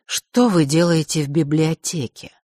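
A narrator voicing a calm, indifferent father who speaks in a level, detached way. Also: mid-range voice, a little slow, dry recording, studio quality, lightly acted. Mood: cool.

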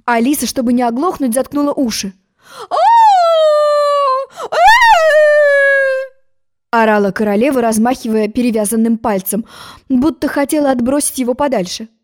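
A woman narrating a children's story in an expressive, lively way. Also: fairly high pitch, quick pace. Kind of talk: storybook reading.

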